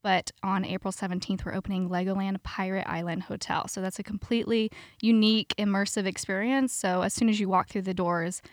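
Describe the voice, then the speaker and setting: A woman's voice: mid-range voice, a little fast, few pauses, dry recording, studio quality. Bubbly woman PR manager. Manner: energetic, promotional, bubbly. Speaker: PR manager, podcast guest. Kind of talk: casual interview.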